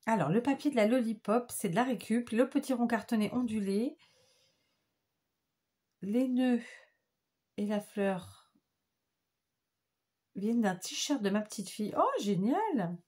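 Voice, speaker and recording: Husky, gushing woman crafter. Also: on the high side, a little slow, pauses often, dark tone. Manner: enthusiastic, chatty, gushing over crafts. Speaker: craft vlogger. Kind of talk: casual show-and-tell chat.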